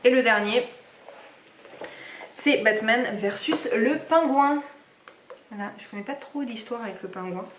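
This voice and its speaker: A young book vlogger chats casually and rambles with lots of fillers while showing off her books in a reading vlog. Her voice is a little high and unhurried, with long pauses. She sits somewhat far from the mic in an echoey room, with slight background noise.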